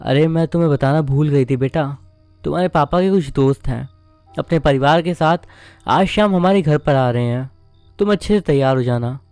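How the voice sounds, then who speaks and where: A man voicing a middle-aged mother who is gentle and coaxing with her grown daughter. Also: on the high side, moderate pace, clear, resonant tone, no echo, faint music behind, lightly acted.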